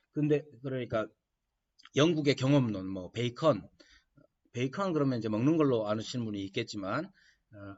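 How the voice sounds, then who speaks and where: A male pastor teaching a doctrine class, asking rhetorical questions and answering them, on a dull lo-fi recording. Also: fairly high pitch. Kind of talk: church lecture.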